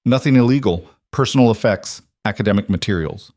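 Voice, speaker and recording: A man voicing a frightened young woman in an audiobook, keeping her voice strained but steady. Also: fairly low pitch, fairly quick, no room sound, clean studio sound, natural voice. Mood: tense. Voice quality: strained, trying to stay steady.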